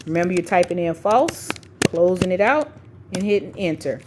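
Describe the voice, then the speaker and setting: A woman's voice: lowish voice, expressive, moderate pace, noisy background. A woman teaching a screencast tutorial step by step, dictating formulas piece by piece and checking in informally as she goes. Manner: informal, checks in often with "okay" and "right". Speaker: spreadsheet tutorial instructor for educators. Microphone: screen-recording voice-over.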